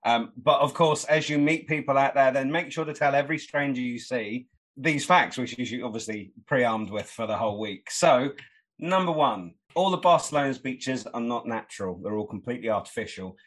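A man's voice: medium pitch, normal speed, a bit bright, rough recording. A man co-hosting a podcast, sharing trivia in a joking, self-deprecating way. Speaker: podcast co-host. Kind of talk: casual podcast chat.

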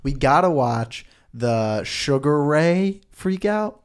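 A young man co-hosting a podcast, talking in loose banter. His pitch swings a lot as he jokes around. He keeps it casual and animated. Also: takes it slowly, smooth. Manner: animated, jokey, bursts into falsetto singing. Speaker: podcast co-host. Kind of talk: casual chat.

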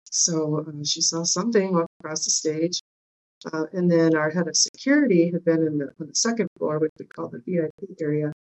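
A woman's voice: low-pitched, fairly quick, darkish tone, muffled recording. A woman interview guest casually telling personal stories in a hesitant, loose way.

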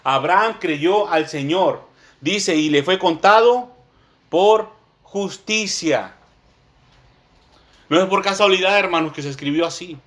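A man preaching a sermon, reading scripture slowly and with emphasis and often calling his listeners brothers. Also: high voice, fairly bright tone.

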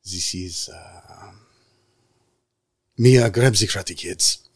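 A man runs a tabletop roleplaying game in a low-pitched voice. He narrates scenes off the cuff as game master. The sound is dry, with very little room on it. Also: extremely slow, slightly rough, no room sound.

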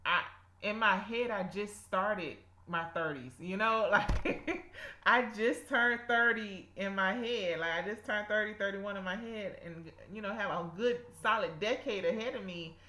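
A woman's voice: medium pitch, unhurried, bright, forceful tone, slight background noise. A woman in her thirties with a South Georgia accent, hosting a casual, folksy devotional podcast. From south Georgia, United States. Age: 30s. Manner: folksy, addresses listeners as y'all. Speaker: podcast host. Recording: roomy, echoing sound.

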